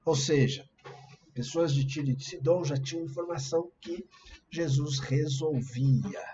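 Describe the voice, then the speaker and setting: A man's voice: on the high side, unhurried, warm tone, muffled recording, slight background noise. A man with a Brazilian Portuguese accent preaching a sermon in a conversational, explanatory way to an online congregation. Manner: conversational, explanatory, shares screen slides. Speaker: pastor.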